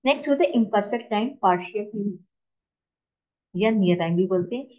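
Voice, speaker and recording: A woman English teacher giving a lecture, explaining in Hindi and reading English lines out slowly. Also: mid-range voice, expressive, a little mellow, dull audio. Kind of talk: classroom lecture.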